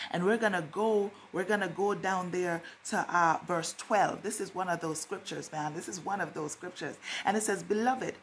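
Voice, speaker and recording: A woman's voice: mid-range voice, slight background noise. A woman preaching a sermon in a fervent style, repeating phrases for emphasis.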